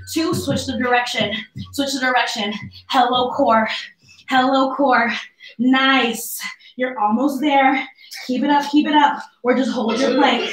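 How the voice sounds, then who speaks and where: A woman leading a live workout, calling out countdowns with sassy, energetic encouragement. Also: high-pitched, roomy sound, distant mic, rough recording. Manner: energetic motivating callouts and countdowns; sassy and playful. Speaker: fitness instructor. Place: home workout space. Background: workout music.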